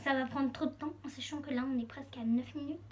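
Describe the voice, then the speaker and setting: A woman talking to her viewers in a casual, excitable, rambling vlog with lots of fillers. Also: high-pitched, fast. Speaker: YouTuber showing her collection.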